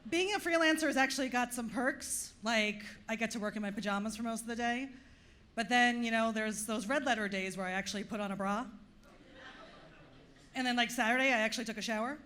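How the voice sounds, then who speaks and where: Fairly quick and fairly high-pitched, her slightly bright voice carries a distinct Long Island accent. The Long Island, New York comic is doing a club stand-up set for an audience, delivering dry punchlines that poke fun at herself.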